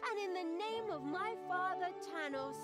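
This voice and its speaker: An actress voicing a young female dark elf villain in a game cutscene, with sugary speech that turns gleefully murderous. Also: extremely high pitch, animated, normal speed. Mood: sweetly formal. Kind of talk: video game cutscene voice acting. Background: game music.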